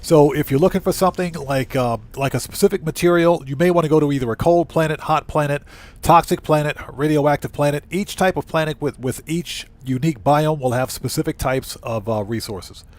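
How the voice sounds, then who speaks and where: A man with a slightly high voice talks fairly quickly while hosting a casual gaming livestream from indoors at home. Informal and conversational, he reads viewers' chat aloud and answers as he plays.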